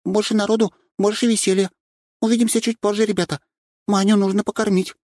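A man's voice: high-pitched, steady tone, fast talker, a little mellow, dry recording, clean studio sound, voice pushed up, natural voice. A man voicing a tiny, cheerful, eager red-haired young woman. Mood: bubbly. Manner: bubbly, eager.

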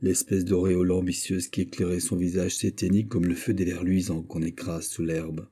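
A man reads a classic novel aloud in a measured, even way. His voice is low and very dark. It has a husky grain and a mellow warmth. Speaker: audiobook narrator. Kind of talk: literary audiobook narration.

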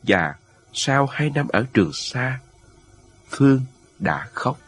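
A man with a husky voice reading a story aloud in an expressive, emotional way. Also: medium pitch, slow pace, music in the background. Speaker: narrator.

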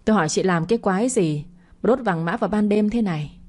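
A woman voicing an angry young sister-in-law who makes fast, tearful accusations, in an audio story. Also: medium pitch, a little mellow, lightly acted. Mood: suspicious.

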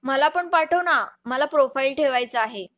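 Woman reading as a lively, bossy young wife. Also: sits high, normal speed. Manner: scolding, bright. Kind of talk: storybook reading.

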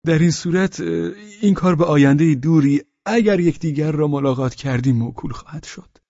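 A man reading aloud and voicing a fawning, nervous middle-aged man in a raised, halting voice. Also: dark tone, dry recording, highs cut off, close to an everyday voice. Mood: hesitant. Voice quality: high, strained, halting with hesitations.

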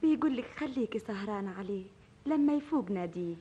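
A woman's voice: mid-range voice, animated, fast talker, warm tone, husky, highs cut off. A woman acting an anxious young village woman in an old Egyptian radio drama, with an Egyptian Arabic accent and an urgent, breathless delivery. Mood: hushed. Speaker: Fatma, friend of the heroine.

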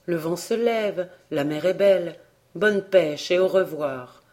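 An audiobook reader voicing a grave, loving old widowed mother who speaks softly and solemnly. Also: fairly low pitch, takes it slowly. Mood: tender. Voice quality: soft, faint voice. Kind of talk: audiobook reading.

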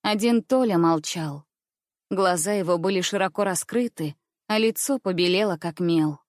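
Woman narrating a story out loud, expressive, dry close sound. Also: lowish voice, moderate pace, no room sound. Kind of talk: audiobook narration.

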